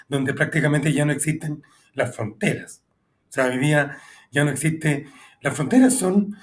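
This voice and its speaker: A man hosting an interview podcast, asking long and thoughtful questions in a conversational way. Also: fairly high pitch. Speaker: podcast host.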